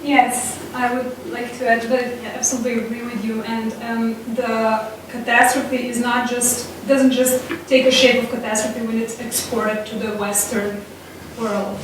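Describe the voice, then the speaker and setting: A woman moderating a panel discussion in a flat, measured way. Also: fairly high pitch. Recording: echoey hall from far off, noise.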